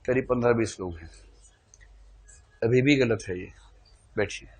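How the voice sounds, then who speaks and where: A man teaching a classroom lecture, animated, quizzing the class with questions. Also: mid-range voice, unhurried.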